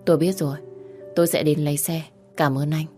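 A woman's voice: sits low, steady tone, brisk, darkish tone, faint music behind, close to an everyday voice. A woman voicing a young single mother who is protective and strained, shifting from scolding to tearful pleading. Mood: reserved.

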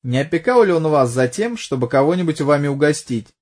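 Narrator as a sarcastic police detective, blunt, pressing, mocking, audiobook. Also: male voice, fairly high pitch, animated, fairly quick, darkish tone, pitched above the performer's own voice. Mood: probing. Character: pushy sarcastic middle-aged police detective.

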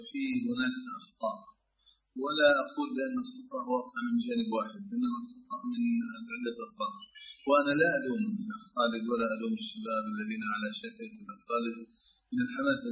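A man talking with a sheikh in a scholarly discussion. He sets out his points one by one and stresses them firmly. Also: medium pitch. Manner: emphatic, argues point by point. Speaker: student questioning a sheikh. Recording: dull old lo-fi tape.

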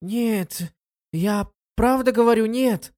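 A woman's voice: a little high, slow pace, mellow, voice pushed up. A reader voicing a shy, stubborn young girl who gets flustered when teased, in a storybook reading. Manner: timid, flustered.

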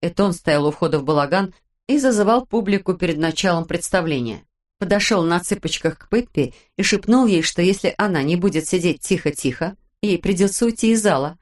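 A woman narrating a children's audiobook in an even, steady manner. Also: fairly low pitch, fairly quick. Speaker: audiobook reader.

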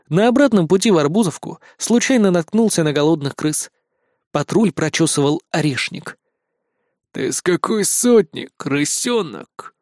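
A man reading a children's fantasy story aloud in a lively, playful narration. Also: on the high side, no echo, studio quality. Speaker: audiobook reader.

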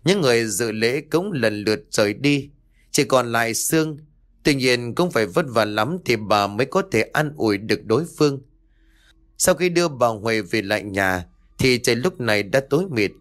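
A man's voice: mid-range voice, lively intonation, normal speed. Man narrating a serialized audiobook story. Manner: reads every character himself, shifting tone for each. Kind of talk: scripted story narration with voiced dialogue.

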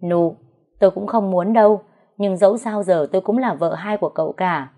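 A woman's voice: moderate pace, mellow, natural voice. A woman voicing a smug, scheming, pregnant young second wife who taunts and whines in accusation. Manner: shrill, whining accusations.

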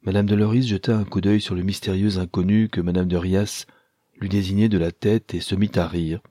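A man reading a classic novel aloud as a narrator, measured and even. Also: deep voice, no echo, clean studio sound. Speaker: audiobook narrator. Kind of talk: scripted narration.

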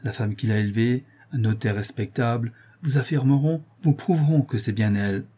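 Un homme jouant une comtesse intrigante. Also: male voice, medium pitch, brisk, warm tone, slightly rough, lightly acted. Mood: persuasive. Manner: pleading then coldly threatening. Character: scheming haughty aristocratic woman, persuasive.

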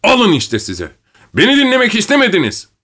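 A man voicing a young male peasant conscript, desperate and volatile, who pleads bitterly and then yells wildly. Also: mid-range voice, animated, moderate pace, voice pushed up, close to an everyday voice. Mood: raging, shouting.

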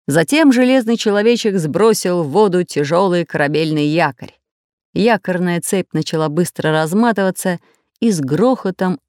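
Woman narrator, kids' audiobook, lively pitch, dry close sound. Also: dry recording. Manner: expressive storytelling.

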